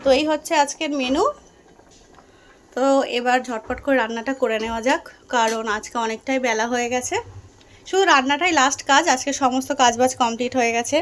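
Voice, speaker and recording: High-voiced chatty mother vlogging at home. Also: fairly quick, a bit bright. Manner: chatty, affectionate toward her daughter, narrating chores and cooking step by step. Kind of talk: casual home vlog narration. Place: home kitchen.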